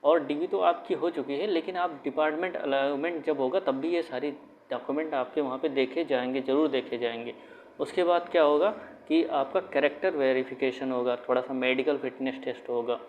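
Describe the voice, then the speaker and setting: A man's voice: mid-range voice, steady tone, brisk. A man giving an informal explainer for exam candidates, talking conversationally, often repeating himself and restarting his phrases. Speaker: exam guidance YouTuber. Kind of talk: casual explainer talk to camera. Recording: dull lo-fi sound with faint room noise.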